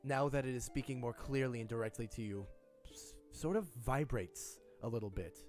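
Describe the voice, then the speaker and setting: A man's voice: mid-range voice, normal speed, darkish tone, soft background music. A man narrating a tabletop role-playing game as game master in a conversational way.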